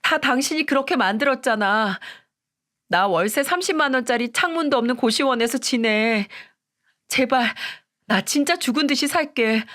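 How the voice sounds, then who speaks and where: A woman's voice: high voice, fairly bright tone, voice pushed up. A woman voicing a clingy young wife who whines and begs. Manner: whiny, begging.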